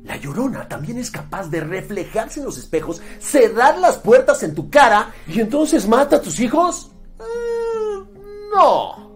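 A man's voice: very high voice, huge pitch swings, unhurried, soft background music. A man with a Mexican accent giving a mocking, exasperated movie review, swearing freely. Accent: Mexican Spanish. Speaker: film critic. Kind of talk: sarcastic movie review rant.

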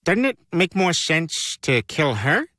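A man voicing a blunt cartoon dad who speaks in a flat, matter-of-fact way. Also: a little high, takes it slowly, full character voice. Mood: deadpan. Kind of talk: cartoon voice acting.

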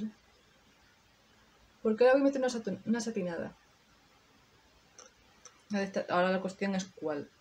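A woman's voice: mid-range voice, warm tone. Chatty woman doing her makeup. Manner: chatty, thinking aloud, addressing viewers directly. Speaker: beauty vlogger. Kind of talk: casual makeup tutorial chat.

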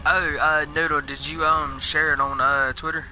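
Bright-voiced young gamer. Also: male voice, a little high, flat delivery, moderate pace. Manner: laid-back, teasing, laughs often. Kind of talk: casual gaming chat. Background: faint game music.

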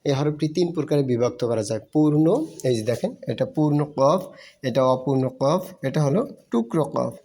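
A man teaches Arabic letters in a recorded lesson. His voice is mellow and dark, at a mid pitch. He drills his students in a slow, sing-song chant, repeating each phrase several times.

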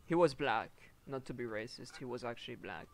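A man's voice: medium pitch, expressive, brisk, gravelly, crowd noise. A young man streaming a horror game, chatting casually and teasing a friend over voice chat, laughing often. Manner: joking, teasing, laughs a lot. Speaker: gameplay streamer. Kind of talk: casual voice chat while gaming. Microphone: headset or desk mic on voice chat.

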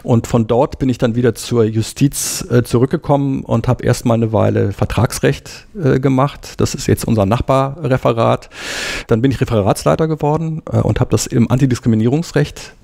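A middle-aged German man, a lawyer at the EU Commission, explaining his work in a measured way with frequent hesitation fillers. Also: mid-range voice, creaky, warm tone. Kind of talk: explanatory interview talk.

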